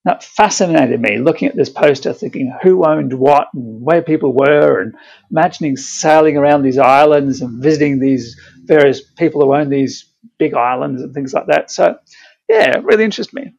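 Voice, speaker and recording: An Australian man answers interview questions over a delayed satellite audio link, so his voice arrives muffled and lo-fi. His voice is gravelly and husky and sits a touch high for a man. He explains things in a measured way, with plenty of ums and restarts. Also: darkish tone. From Brisbane, Australia. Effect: remote guest heard over a lagging satellite audio link. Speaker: podcast guest, property fund manager. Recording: dull lo-fi satellite audio line.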